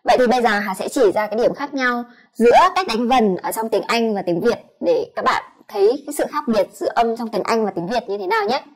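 Woman teacher, Vietnamese accent, somewhat high voice, spells out sounds one by one in a clear lesson. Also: animated. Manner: demonstrates sounds slowly, repeating each one. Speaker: English pronunciation teacher. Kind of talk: explanatory lesson.

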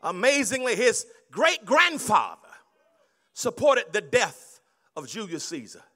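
In a large banquet hall, a middle-aged male pastor holds a mic and preaches at a measured pace, his high voice very animated. He alternates soft, hushed stories with loud shouting.

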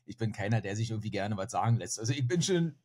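This is a man in his forties from northern Germany, guesting on a podcast and chatting casually in a self-deprecating way, with plenty of fillers. His voice is lowish, lively in intonation, fast and a little mellow. He's indoors in a room at home, recorded over a video call through a headset.

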